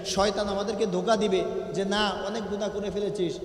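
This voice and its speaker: Male waz preacher, high voice, call-and-response, long PA reverb. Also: level tone, brisk. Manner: call-and-response with crowd, sung Quran verses. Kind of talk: Bengali waz sermon. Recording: echoey open-air venue PA.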